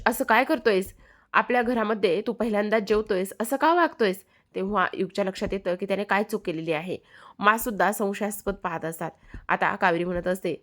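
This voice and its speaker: Woman recapping a TV serial. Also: medium pitch. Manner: retells the scenes and quotes each character in a lively, livelier voice. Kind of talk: casual retelling of a TV serial episode.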